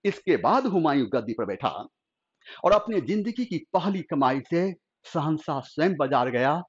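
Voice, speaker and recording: A man's voice: on the high side, big pitch swings, unhurried, dull audio. A male history teacher telling a historical story in a dramatic, emotional lecture. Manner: emotional, theatrical narration.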